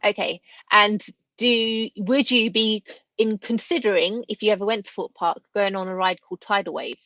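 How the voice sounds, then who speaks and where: A woman's voice: mid-range voice, moderate pace, fairly bright tone, no room sound, highs cut off. A woman hosting a casual chat interview, who has trouble with r sounds and says them as w. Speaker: live stream host.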